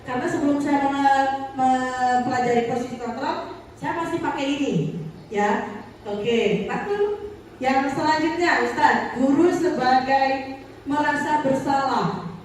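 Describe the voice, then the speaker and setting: Lady teacher chatting through a staff workshop, highish voice, roomy echo, mic kinda far off. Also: unhurried. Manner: chatty, acts out teacher phrases. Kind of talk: casual workshop presentation. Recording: echoey room, distant mic, faint noise.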